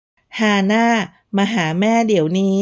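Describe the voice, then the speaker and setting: A woman's voice: medium pitch, measured pace, close to an everyday voice. A woman playing a fierce protective young mother. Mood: angry. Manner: sharp, clipped and defiant.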